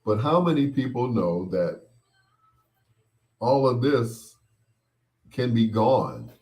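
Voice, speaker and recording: Medium in pitch, animated and a little mellow, the voice belongs to a middle-aged man hosting a bedtime stories show. He chats casually, reminisces and answers listener comments, rambling unhurriedly with frequent pauses and repeats.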